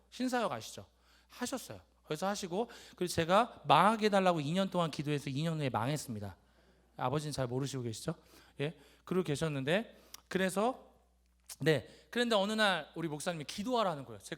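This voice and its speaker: A young man giving a church testimony, telling his story in a lively way and acting out his father's gruff lines. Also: fairly high pitch. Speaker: youth speaker giving a testimony. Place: church sanctuary.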